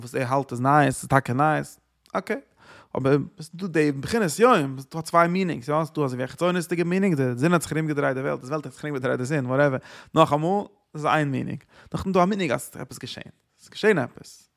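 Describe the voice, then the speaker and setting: A man with a gravelly, creaky voice of middling pitch lectures on Talmudic sources as a Torah teacher. He talks emphatically, pushes rhetorical questions, and swings between loud bursts and quiet asides. He slips English words into his speech.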